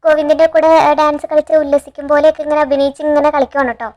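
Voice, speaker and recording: A woman with a high, fairly flat, darkish voice, recorded with dull audio, eagerly recaps a TV serial episode in a chatty way. She moves quickly through the story, quoting characters' lines and tagging sentences with a friendly filler.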